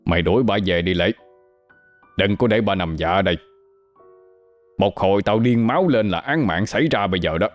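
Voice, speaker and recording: A man's voice: low voice, animated, moderate pace, pauses often, faint music behind. A man doing a stern old villager. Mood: angry. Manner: stern, lecturing. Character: stern older village man, cutting and stubborn. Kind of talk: storytelling with voices.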